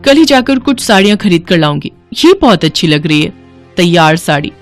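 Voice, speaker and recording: A woman voicing a young daughter-in-law in a cartoon, quick, defensive and excitable. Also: on the low side, faint music behind. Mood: dreamy. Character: young wife, fibbing, flustered daughter-in-law. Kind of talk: cartoon voice acting.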